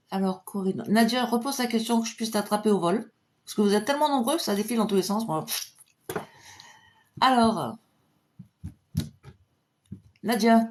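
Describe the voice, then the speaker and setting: A cheerful woman clairvoyant with a mid-range voice answers viewers' questions on a live stream. She chats freely between readings. Her voice sinks to a quiet murmur when she asks her angels for help. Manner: cheerful and chatty, drops to a low murmur for invocations. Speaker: clairvoyant doing pendulum readings.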